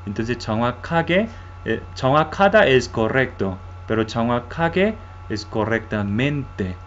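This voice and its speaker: A man whose first language is Korean, teaching a language lesson in Spanish with a halting style, repeating words and often checking "¿sí?". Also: mid-range voice, animated, a bit bright, lo-fi sound, a little hiss or hum.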